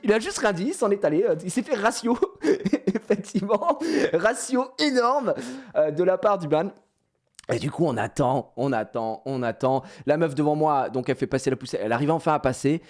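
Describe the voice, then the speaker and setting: Lively high-voiced man telling a story. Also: moderate pace. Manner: animated, laughing, slangy retelling. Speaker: streamer. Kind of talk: casual storytime.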